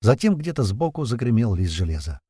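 A man narrating an audiobook in a steady, tense, vivid storytelling manner. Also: on the low side, fairly quick, husky, no room sound, studio quality.

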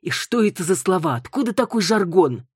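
A woman's voice: on the low side, big pitch swings, brisk, darkish tone, breathy edge, no room sound, clean studio sound, voice pushed up. A woman voicing a hungover, irritated young man arguing with his mother. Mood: exasperated. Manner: exasperated.

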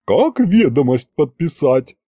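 A sardonic middle-aged woman chief accountant makes dry remarks in a slow, mellow voice, as a male narrator puts her on. The sound is close and dry. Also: fairly high pitch, very animated, breathy edge, no room sound, exaggerated voice.

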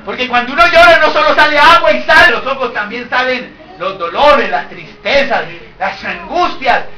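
A man's voice: very high-pitched, bright, forceful tone. A male pastor, preaching emphatically and asking his listeners rhetorical questions. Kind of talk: sermon. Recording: echoey room, voice from a distance.

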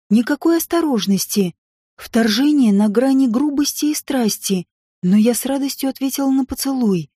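A woman narrating a romance novel in the first person, in an intimate, expressive reading. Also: high-pitched, husky, dry recording, studio quality. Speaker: audiobook narrator.

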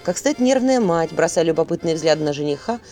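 Animated woman telling a folk tale. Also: low voice, brisk, soft background music. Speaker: storyteller. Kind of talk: expressive folk-tale narration.

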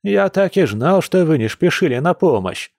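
A man's voice: mid-range voice, very animated, takes it slowly, no room sound, studio quality, voice pushed up. A man voicing a grumpy young male wolf shifter who grumbles resentfully in an audiobook. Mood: angry.

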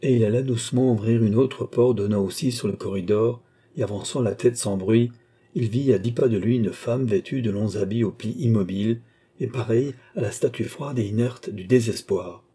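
Dark, husky male audiobook narrator. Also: fairly low pitch, moderate pace. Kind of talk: scripted narration.

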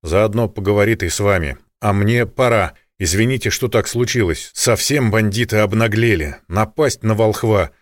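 A man voicing a brisk, businesslike police sergeant. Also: on the low side, no room sound, clean studio sound, lightly acted.

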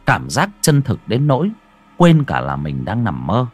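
A man narrating a ghost story theatrically, dropping to a hush and rising sharply. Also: fairly low pitch, wildly swooping pitch, unhurried, husky, soft background music. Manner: theatrical, swings from hushed to loud.

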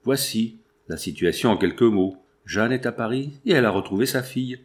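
A wealthy middle-aged schemer speaks in a tense, hushed way, urgent and afraid of being found out, as a man reads him aloud. The voice stays close to an ordinary reading voice. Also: medium pitch, lively intonation, brisk, lightly acted. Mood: anxious.

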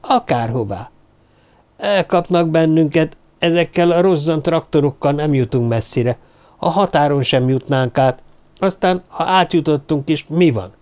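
A man voicing a desperate, high-strung dwarf woman in an audiobook. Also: a little mellow, natural voice. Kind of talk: audiobook character voice.

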